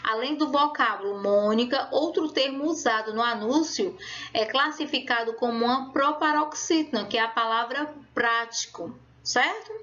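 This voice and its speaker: A woman's voice: on the high side, normal speed, a bit bright, muffled recording. A woman teacher giving a remote lesson, explaining step by step and checking in with her pupils. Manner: explaining patiently, checking in with "certo?" and "tá?".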